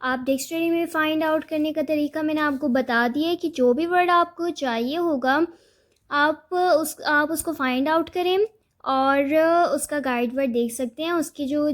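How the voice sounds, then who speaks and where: A woman teacher with a high voice walks students through a vocabulary lesson. She explains patiently and repeats herself, pausing with small hesitations as she goes. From South Asia.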